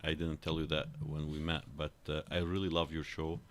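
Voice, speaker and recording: A man from Lebanon, a guest on a talk show, speaking earnestly and haltingly with many repeated words. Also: a bass voice, flat delivery. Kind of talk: casual talk show interview.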